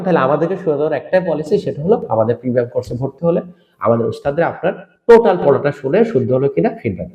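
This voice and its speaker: A man from Bangladesh teaching Quran reading, asking and answering his own questions in an energetic recorded lesson with spoken drills. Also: mid-range voice, echoey room.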